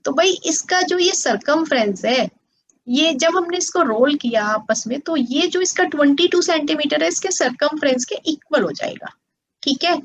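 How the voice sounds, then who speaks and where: A woman's voice: sits high, expressive, moderate pace. A woman teaching maths to students as a tutor, patient and coaxing, often checking that they follow. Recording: slightly dull lo-fi sound.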